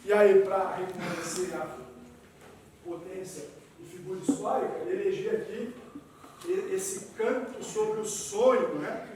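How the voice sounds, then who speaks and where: Lecturing to an audience in a meeting hall, a man from southern Brazil speaks in a high, lively voice at a slightly slow pace, often saying "né" and making big jumps in pitch and volume. The distant microphone catches plenty of hall echo and a faint layer of noise.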